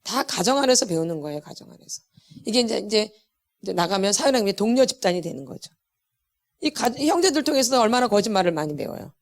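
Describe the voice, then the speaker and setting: A middle-aged woman leads a healing class at church, speaking quickly in a mid-range voice. Her lecture is animated and emphatic, with words repeated for stress and laughter between lines.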